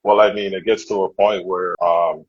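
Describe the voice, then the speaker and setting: A deep, very husky man from Nova Scotia talks through a candid interview, earnest and reflective, circling back over his words as he thinks. His voice comes through a dull, dry, lo-fi remote call. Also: fairly even intonation, moderate pace, no echo. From Nova Scotia, Canada. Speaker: guest.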